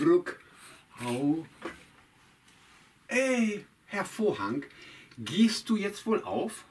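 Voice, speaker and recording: A man's voice: fairly low pitch, a bit bright, a little hiss or hum. A man voicing Kasper, a cheerful, chatty puppet jester who talks straight to the children in a puppet show. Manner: chatty, addresses children directly, drawn out. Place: outdoors on a town market square. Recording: distant mic, faint guitar music.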